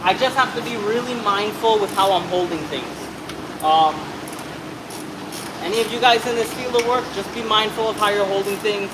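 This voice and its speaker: Speaking at a moderate pace in a high voice, a man in his thirties works on brakes amid a noisy background. The mechanic's narration in the shop, where a truck sits on a hoist, is casual and meandering, with some swearing mixed in.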